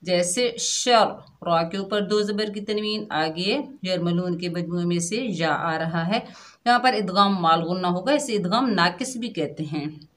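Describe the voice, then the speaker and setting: Female tutor, very slow, patient step-by-step delivery for children, long drawn-out practice syllables. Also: lowish voice, fairly bright tone. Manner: patient, explains each rule step by step, then draws out drawn-out practice syllables. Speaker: Quran tajweed teacher. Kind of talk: slow children's recitation lesson.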